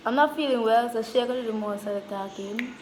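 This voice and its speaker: Soft-spoken Jamaican woman host, echoey room. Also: a little high, fast talker, slight background noise. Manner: relaxed patois chatter, often soft-spoken. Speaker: YouTuber host. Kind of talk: casual mukbang chat.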